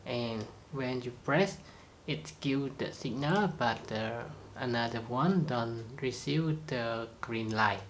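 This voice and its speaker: A tutorial presenter walks through a product demonstration step by step, speaking slowly at medium pitch. The phrasing is short and halting with non-native grammar, and a steady noise runs beneath the voice.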